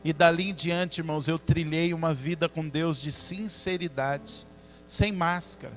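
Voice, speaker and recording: A middle-aged pastor preaches with a high, bright, ringing voice. He acts out his own prayers with passion and swings between loud and soft. Soft music plays behind him. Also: measured pace. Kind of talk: sermon.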